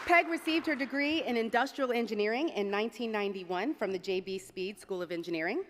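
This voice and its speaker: A woman's voice: medium pitch, fairly quick, a faint crowd, a little hiss or hum. A woman hosting an awards ceremony, giving a formal, scripted podium speech in an announcer's style. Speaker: ceremony host. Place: large event hall on stage. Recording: hall reverb from a PA system.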